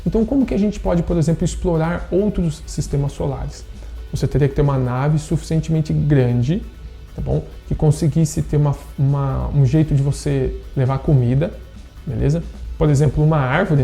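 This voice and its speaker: A man in his thirties with a Brazilian Portuguese accent teaches a science lesson in an online class, explaining step by step and frequently checking in with quick tag questions. His voice is fairly high, gravelly and warm.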